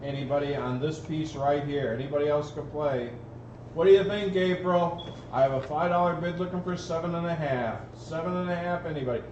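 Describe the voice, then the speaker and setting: A man's voice: a little high, fairly quick, darkish tone. A man working as an auctioneer at a live auction, calling bids repetitively with folksy, casual banter. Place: auction gallery room, livestream. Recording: roomy, distant mic, dull, noisy.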